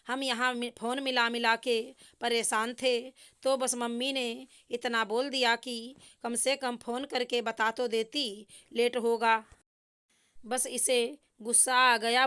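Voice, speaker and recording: A woman's voice: a little high, fairly bright tone, smooth. A woman voicing a polite, worried young husband speaking respectfully to his mother-in-law. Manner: respectful, rushed explaining.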